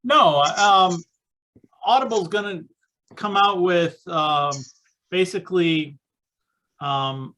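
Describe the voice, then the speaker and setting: A man chatting casually on a podcast, pausing often with "uh" and "um". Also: mid-range voice, bright, forceful tone, poor audio. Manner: hesitant, many "uh" and "um" fillers. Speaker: podcast co-host and author. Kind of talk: casual chat.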